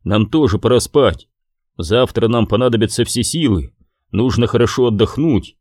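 A man voicing a calm, protective young male resistance leader in an audiobook. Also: mid-range voice, moderate pace, no echo, studio quality, lightly acted. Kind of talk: audiobook character voice.

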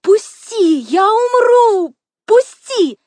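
A woman's voice: lowish voice, animated, normal speed, husky, no echo. A woman voicing a thin, frightened young woman who pleads breathlessly, in a dry, close recording. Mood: screaming.

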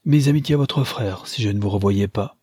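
A man reading aloud, voicing a cordial, effusive gentleman who warmly sends off a guest. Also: lowish voice, brisk, husky, dry recording, studio quality. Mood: genial. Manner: genial, effusive.

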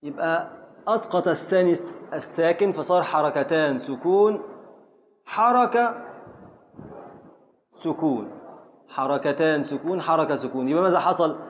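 Middle-aged Egyptian man, slightly high voice, drills poetic metre in a classroom, slow and questioning. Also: lively intonation, a little hiss or hum. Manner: slowly drawing out words to scan metre, quizzing students. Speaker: teacher of Arabic prosody. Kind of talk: classroom lesson.

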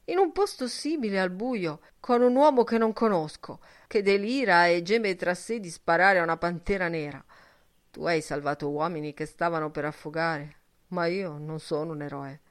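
A woman's voice: lowish voice, moderate pace, natural voice. A woman reading an audiobook, voicing a wary, anxious young man who speaks earnestly.

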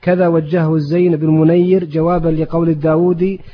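A man reading a classical commentary aloud to a sheikh in a steady, formal recitation. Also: on the high side, a little fast. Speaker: reader of the text. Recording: dull lo-fi old tape.

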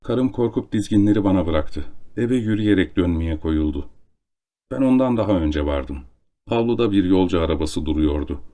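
A man voicing a middle-aged nobleman count, a former duelist, in a measured, somber tone. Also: sits low, expressive, dark tone.

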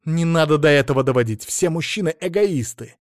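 A man reading an audiobook, voicing a cold, defensive female psychotherapist who talks in a sharp, hissing, scolding way. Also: fairly high pitch, animated, brisk, no room sound, clean studio sound, voice pushed up, natural voice. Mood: heated.

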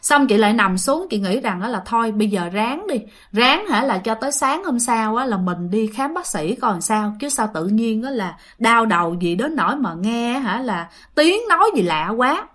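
A woman with a Southern Vietnamese accent tells a ghost story, chatting with her listeners as she goes. Her voice sits on the high side and swoops up and down with a lot of expression. The telling feels casual and conversational. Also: expressive, normal speed, few pauses, a bit bright. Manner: chatty, addresses listeners directly.

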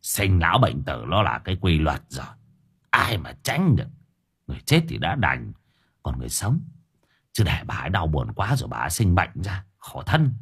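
A man voicing a young village exorcist who speaks calmly and a little wryly. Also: low-pitched, moderate pace, slightly rough, heavily acted. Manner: calm, reasoning, slightly wry. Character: young male country exorcist, calm and wry.

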